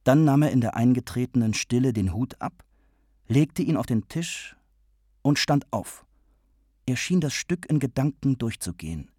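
A man reading a literary story aloud, narrating in a measured, even way between the voiced characters. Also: mid-range voice, no echo, clean studio sound. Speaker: audiobook reader.

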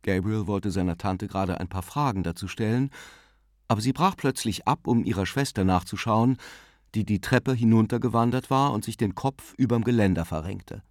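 A man narrating a literary story with an expressive, varied delivery, recorded close on a studio mic. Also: fairly low pitch, normal speed, no echo. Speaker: audiobook narrator. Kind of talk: scripted narration.

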